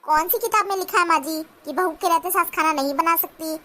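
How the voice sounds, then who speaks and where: A woman voicing a sharp-tongued young daughter-in-law who talks back in a cartoon. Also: very high-pitched, brisk. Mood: defiant. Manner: retorting, argumentative. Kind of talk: cartoon voice acting.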